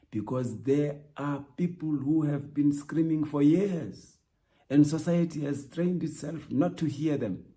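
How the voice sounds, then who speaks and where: Measured man, mellow voice. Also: medium pitch. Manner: measured, emphatic, repetitive rhetorical lines. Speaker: podcast host. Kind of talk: reflective spoken essay.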